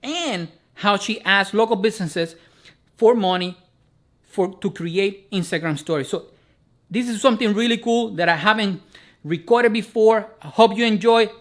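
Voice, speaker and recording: High-voiced man hosting in an echoey room. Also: moderate pace. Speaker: podcast host. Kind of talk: casual interview chat.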